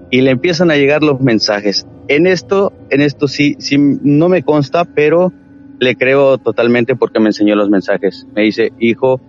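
A man telling a true ghost story from his family, in a casual, animated way, acting out what his relatives said. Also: fairly low pitch, muffled recording. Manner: animated retelling with quoted voices.

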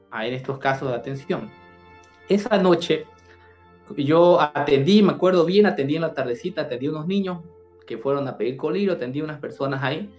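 Earnest Bolivian man retelling his story. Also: on the high side. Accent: Bolivian Spanish. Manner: earnest, repeats words and phrases as he recounts. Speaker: doctor, interview guest. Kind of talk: first-person storytelling in an interview.

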